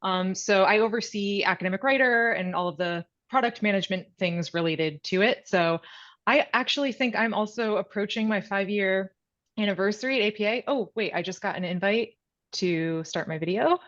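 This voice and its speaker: A woman's voice: mid-range voice, normal speed, a bit bright. A woman giving a product presentation over a video call, chatty and upbeat, with easy laughs. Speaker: product director presenting a webinar. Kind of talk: casual presentation. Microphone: video call mic. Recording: dull lo-fi video call audio.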